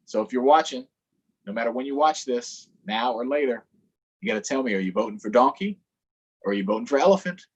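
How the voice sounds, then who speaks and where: With a husky, mid-range voice that's expressive and fairly quick, a man reads a story to children and tosses in playful asides to them. The sound quality is lo-fi.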